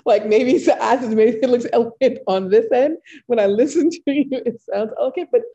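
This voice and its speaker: Woman podcast host, enthusiastic and casual, mellow lowish voice, muffled lo-fi line. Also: moderate pace. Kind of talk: conversational podcast interview. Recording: dull lo-fi sound.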